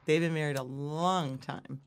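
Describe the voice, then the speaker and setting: A woman's voice: deep voice, fairly even intonation, a little slow, clean tone. A middle-aged woman co-hosting a casual chat, giggly and drawn out, often trailing into laughter. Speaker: podcast co-host.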